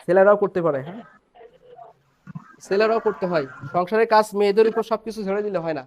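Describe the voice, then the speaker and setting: A man's voice: high-pitched, fast, darkish tone. Male teacher, patient step-by-step explainer, faint noise behind. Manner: explains step by step, checks in with students. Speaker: English teacher. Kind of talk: online class lecture.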